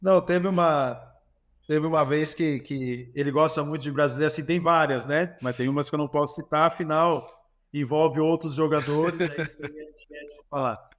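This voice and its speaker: A Brazilian man tells anecdotes as an interview guest, animated and often restarting mid-phrase. His voice sits a touch higher than most men's. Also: normal speed. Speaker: former goalkeeper, guest. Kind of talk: casual interview storytelling.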